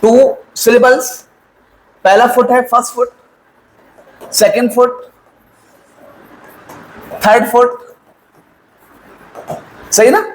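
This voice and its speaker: High-voiced male teacher quizzing a class. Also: steady tone, drawn-out words, long pauses, echoey room, poor audio. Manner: quizzes students, answers his own questions; mixes Hindi with English terms. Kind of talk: classroom lecture.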